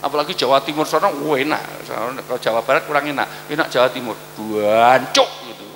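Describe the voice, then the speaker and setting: Joking his way through a sermon for hospital staff, this male preacher acts out scenes with animation, even mimicking angry shouting. He speaks fast in a slightly high voice. There's a little hiss or hum, and the echoey hall carries a long reverb.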